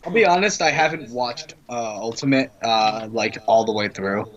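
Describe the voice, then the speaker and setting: A man's voice: mid-range voice, normal speed, a bit bright, lo-fi sound. A tired man in casual late-night podcast chat, blunt, teasing and swearing freely. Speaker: podcast co-host.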